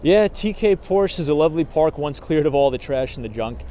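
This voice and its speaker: Walking through the city with a handheld phone, a vlogger with a hoarse, slightly higher voice talks markets in a casual livestream and reads comments from viewers. His delivery is chatty and full of fillers and "right?", with lively intonation, a warm tone, and a slightly quick pace. Traffic hums in the background outdoors.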